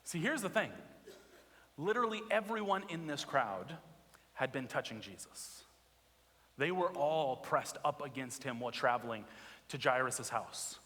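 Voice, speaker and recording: Animated male pastor preaching in a reverberant hall. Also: medium pitch, unhurried. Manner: animated storytelling with rhetorical questions. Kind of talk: sermon. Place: church sanctuary.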